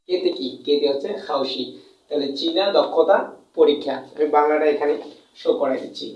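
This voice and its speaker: A man's voice: on the high side, a little fast, a little mellow, muffled recording. A man teaching a lesson, repeating points and answering his own questions, drawing out sounds to demonstrate tones. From Bangladesh. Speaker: Chinese language teacher. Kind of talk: classroom lesson in Bengali. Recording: echoey room, mic at a distance.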